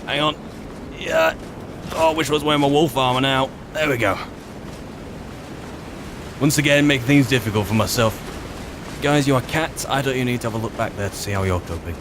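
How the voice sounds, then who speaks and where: Pausing often and speaking a little fast at medium pitch against a noisy background, a man lightly acts as a wry, grumbling adventurer in a fantasy video game roleplay. As player and narrator, he improvises in-character commentary, musing hesitantly and with polite irony.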